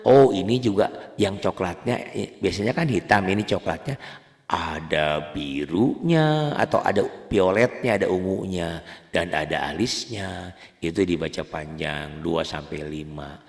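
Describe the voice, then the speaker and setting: A man teaching beginners to read the Quran in a chatty, joking way, repeating his points and chanting example words loudly. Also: low-pitched, animated, a little slow, vocal fry, in a large hall. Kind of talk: beginner tajwid lesson.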